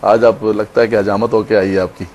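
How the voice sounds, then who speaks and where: A man, a religious scholar, explaining points of faith in a measured, explanatory way and quoting Arabic. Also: on the low side, level tone, darkish tone, lo-fi sound.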